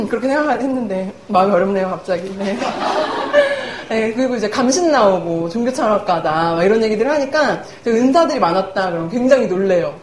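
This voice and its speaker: Lively young woman preaching in an echoey hall. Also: mid-range voice, brisk. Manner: chatty, self-mocking, laughs often while speaking. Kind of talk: humorous sermon. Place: church hall. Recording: echoey church hall, faint room noise.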